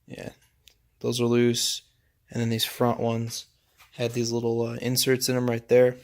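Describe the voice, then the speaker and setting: Laid-back young man, flat voice. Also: medium pitch, measured pace. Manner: relaxed, rambling, many fillers. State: out of breath. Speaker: home mechanic. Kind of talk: casual how-to narration. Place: home garage.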